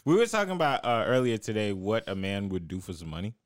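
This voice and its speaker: A man's voice: fairly low pitch, big pitch swings, fast talker, dry recording, clean studio sound. A young man telling stories in casual podcast chat, slangy and laughing often.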